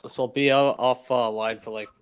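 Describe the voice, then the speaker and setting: A man's voice: mid-range voice, steady tone, normal speed, clear, resonant tone. A man chatting loosely as a guest on a casual stream. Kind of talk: casual chat on a live stream.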